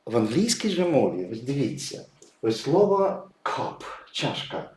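A man's voice: medium pitch, sing-song, a little slow, darkish tone, roomy sound. A man teaching English pronunciation patiently, writing words and stressing each example. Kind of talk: explaining pronunciation at a whiteboard.

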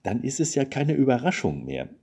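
A man's voice: medium pitch, very animated, a little fast, vocal fry, warm tone, husky, voice pushed up, heavily acted. A man voicing a curious, stubborn husband who blusters and grumbles. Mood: grumbling.

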